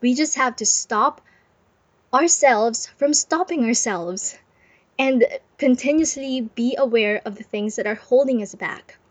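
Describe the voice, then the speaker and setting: A woman's voice: fairly high pitch, unhurried, no echo. Woman talking from under a blanket. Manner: chatty and encouraging, with frequent giggles. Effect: muffled, close sound from under a blanket. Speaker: podcast host. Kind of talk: casual motivational talk. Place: on her bed under a blanket. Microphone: close microphone.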